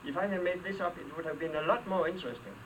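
A man's voice: high voice, racing, fairly bright tone. Older Danish man, dry comic speech. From Denmark. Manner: dry, wry storytelling with comic asides. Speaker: after-dinner speaker. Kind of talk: humorous luncheon speech. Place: hall with a live audience. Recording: distant mic, clear background noise.

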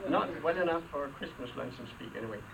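An older Danish man with a Danish accent delivers a funny luncheon speech as an after-dinner speaker, his mid-range voice animated and quick over a noisy crowd. He spins stories in a dry, wry manner, tossing in comic asides. The distant mic picks him up in a hall with a live audience, with background noise clearly audible.

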